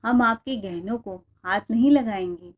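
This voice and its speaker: A woman voicing a calm, kind young married woman who speaks softly. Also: on the high side, moderate pace, natural voice. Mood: gentle.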